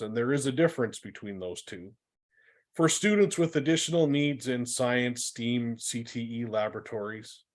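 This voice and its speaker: A man hosts an online webinar over a computer mic, talking in a mid-pitched voice. He introduces the presenter in a friendly, upbeat way, with the odd "uh" along the way. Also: darkish tone. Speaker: webinar host.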